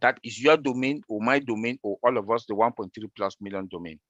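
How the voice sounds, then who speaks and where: An excitable man who repeats himself while answering questions in a casual online meeting. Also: lowish voice, fairly quick, no echo, lo-fi sound. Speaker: presenter answering member questions.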